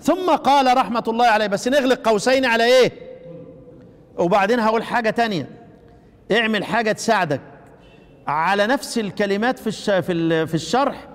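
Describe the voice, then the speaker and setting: A man with an Egyptian accent teaching Quran recitation, who asks the class questions and answers them himself, and draws out recited words slowly. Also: sits high, big-room sound. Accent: Egyptian Arabic. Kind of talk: classroom lesson explaining a text.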